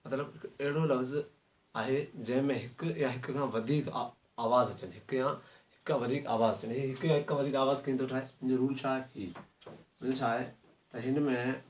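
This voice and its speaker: A man's voice: medium pitch, a little mellow. A man with a Sindhi accent teaching a grammar lesson, often checking that the class has understood. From Sindh, Pakistan. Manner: checks understanding with frequent rhetorical questions. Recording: echoey room, mic at a distance, faint noise.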